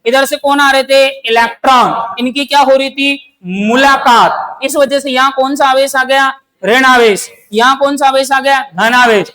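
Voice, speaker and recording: A man's voice: very high voice, steady tone, measured pace, pushed and bright, clean tone, poor audio. A man teaching a coaching class, repeating each question and answering it himself, with playful everyday analogies. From Rajasthan, India. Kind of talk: classroom lecture with call-and-response questions.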